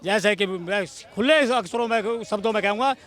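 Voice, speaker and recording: Man, street interview, high voice, bright tone, speechlike, accusing. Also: moderate pace. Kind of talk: heated street vox pop.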